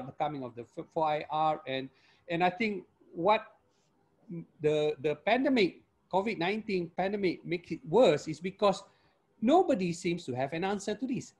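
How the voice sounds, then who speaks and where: A man's voice: high-pitched, a little mellow, husky. A man, speaking as a panelist in an academic discussion over a video call, hesitant with many fillers and tag questions. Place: home room with virtual background. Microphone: earphone mic on video call.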